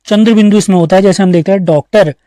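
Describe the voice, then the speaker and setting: A man's voice: sits high, very fast, dark tone, no echo, clean studio sound. A male teacher giving an online exam-prep grammar lesson, explaining step by step and asking the class questions that he answers himself. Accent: Uttarakhand Hindi.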